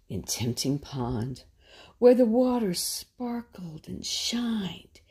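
A slow, gentle woman teaching preschoolers. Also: medium pitch. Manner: gentle and encouraging, speaking to small children. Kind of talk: children's lesson and storybook reading.

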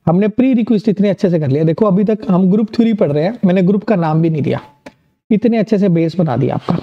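A man's voice: high-pitched, animated, quick pace, highs cut off. A man with an Indian accent teaching an online maths lesson, upbeat and encouraging, asking questions and answering them himself.

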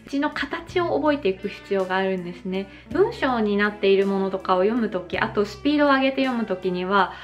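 A Japanese woman in her thirties giving a slow, careful pronunciation lesson, exaggerating her mouth shapes when she demonstrates sounds. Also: mid-range voice. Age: 30s. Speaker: English pronunciation teacher. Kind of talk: slow explanatory vlog lesson.

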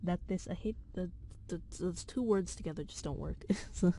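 A woman's voice: on the low side, normal speed, dark tone, slight background noise. Texan woman, fan video narrator, headset mic, stumbles through her script and grumbles at herself. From Texas. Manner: stumbling, self-mocking, grumbling. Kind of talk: reading a script with outtakes.

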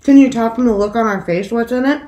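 A woman's voice: fairly high pitch, quick pace, dark tone, echoey room. A woman co-hosting a casual mukbang eating show, upbeat and enthusiastic. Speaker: mukbang co-host.

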